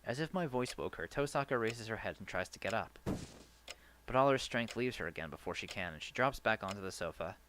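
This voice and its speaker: In a let's play, a man reads a visual novel's first-person text aloud in a fairly low voice at a fairly quick pace. He sounds sincere and lively with some stumbles, while faint game music and a noisy background fill in behind.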